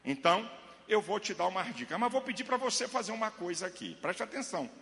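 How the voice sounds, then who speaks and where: A man preaching a Pentecostal sermon to a congregation, swinging between shouted lines and low murmurs. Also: lively intonation, fast talker, gravelly, long reverb tail. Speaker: pastor. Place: church with live congregation.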